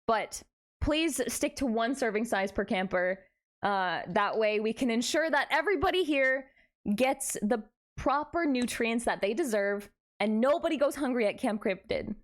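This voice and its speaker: A woman's voice: fairly high pitch, lively intonation, measured pace. A woman hosting a casual livestream, chatting playfully back and forth with her viewers. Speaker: variety streamer, VTuber host.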